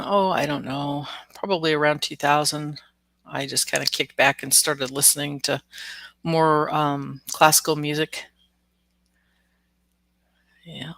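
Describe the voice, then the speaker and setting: A woman with a low, slightly bright voice hosts a live stream as an oracle card reader, chatting casually and greeting viewers by name. Down with the flu, she sounds nasal and congested, and she laughs often. The recording has no room sound.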